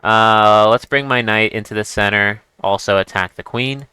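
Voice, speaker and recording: A man's voice: on the low side, moderate pace, bright, forceful tone, clean tone, no room sound. A man giving casual chess commentary as he plays, thinking aloud and restarting his sentences. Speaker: chess streamer.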